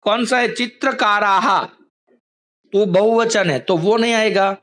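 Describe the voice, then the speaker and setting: A male teacher with a fairly high voice talks slowly through a lesson. His manner is patient, and he explains each step carefully for students on a video call. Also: fairly bright tone. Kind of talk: online class lesson.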